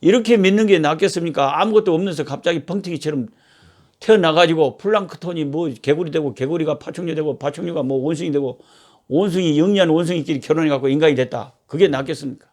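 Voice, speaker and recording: A middle-aged man, a missionary, teaching a Bible devotional from a home, swinging from raised scripture readings to quiet asides. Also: quick pace. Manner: animated, rising for scripture quotes and dropping to a low aside. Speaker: missionary preacher. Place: a church member's home.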